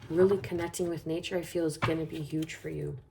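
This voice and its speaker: Low, gravelly-voiced woman reading tarot. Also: fairly even intonation, fast talker, mellow, slight background noise. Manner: flowing, soothing, repetitive phrasing with frequent "okay?". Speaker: tarot reader.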